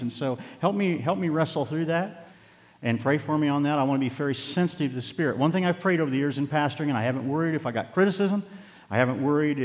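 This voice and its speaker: A man's voice: medium pitch, a little mellow, long reverb tail. A pastor in his late fifties preaching a sermon, moving from conversational reflection to emphatic, rising exhortation. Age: 50s. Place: church sanctuary.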